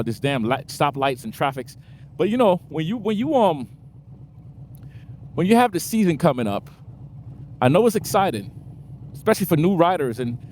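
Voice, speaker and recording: A man's voice: fairly high pitch, darkish tone. Chatty man vlogging from his motorcycle. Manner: chatty, laughs often, drawn-out stresses. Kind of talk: casual chat while riding. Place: on a motorcycle in traffic outdoors. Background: faint traffic and wind noise.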